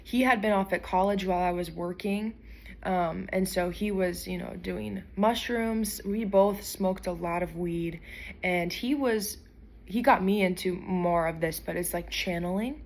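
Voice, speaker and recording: A woman's voice: lowish voice, a little slow. A woman speaking casually to her viewers, searching for words as she shares her conversion testimony. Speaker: vlogger sharing a conversion testimony. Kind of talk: casual talking-to-camera testimony.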